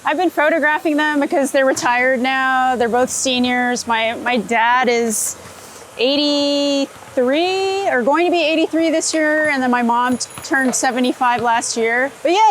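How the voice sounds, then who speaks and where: A woman's voice: high voice, rough recording. A woman chatting informally in an easygoing, giggly way, recorded outdoors as a photographer at work. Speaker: photographer being interviewed while shooting street portraits. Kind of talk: casual unscripted chat. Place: outdoors on a city street, under a bridge. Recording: outdoor city and traffic noise.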